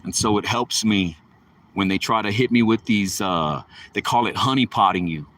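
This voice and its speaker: A man's voice: on the low side, normal speed, a bit bright, recorded from a distance. A man livestreaming, telling stories in a casual, rambling way with lots of profanity and street slang. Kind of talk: casual storytelling.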